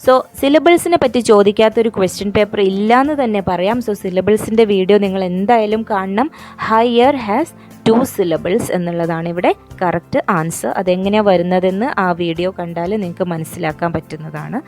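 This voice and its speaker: A woman teacher with a Malayali accent and a mid-range, slightly mellow voice works through exam questions. She reads the English answer options slowly and explains them in quick asides.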